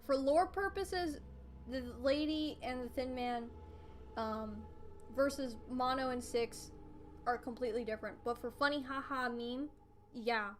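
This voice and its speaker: A teenage girl chats casually on a livestream from her bedroom, rambling with plenty of fillers and giggles. Her voice is high and her pace measured, picked up by a streaming desk mic with slight background noise. Game soundtrack music plays faintly behind her.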